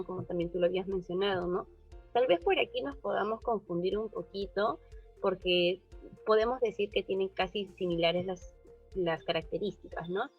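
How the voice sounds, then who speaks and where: A woman giving a group class presentation, explaining steadily and often checking in with a quick question. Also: lowish voice, husky. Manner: explanatory, frequent tag questions. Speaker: student presenter. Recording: dull, muffled recording with faint music.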